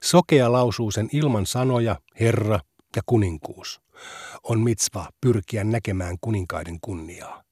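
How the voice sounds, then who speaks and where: A man's voice: lowish voice, darkish tone, slightly rough, no echo. Man reading religious law, dry studio. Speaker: reader of a translated legal text. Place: radio studio.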